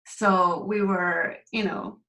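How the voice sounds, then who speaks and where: A woman's voice: lowish voice, fairly even intonation, takes it slowly, pushed and bright, reverberant, poor audio. A woman from Sweden, a grief recovery coach, telling her story candidly and reflectively as an interview guest. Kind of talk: conversational interview.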